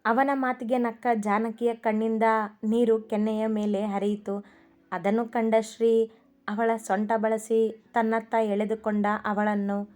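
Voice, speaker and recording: A woman storyteller reading a romantic story aloud in a soft, steady way. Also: fairly high pitch. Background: faint music.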